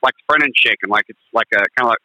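A man calling in on a crackly phone line that cuts in and out, talking in a hesitant, halting way with many fillers. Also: medium pitch, sharp tone, dry recording. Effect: crackly phone line cutting in and out. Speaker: caller. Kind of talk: call-in radio question.

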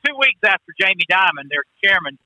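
A male caller comes through on buzzy, glitchy phone-call audio that drops in and out. His voice sits high and sounds very bright, with almost no room around it. He talks in halting bursts, restarting and trailing through filler words. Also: big pitch swings, no room sound. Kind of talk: call-in radio chat.

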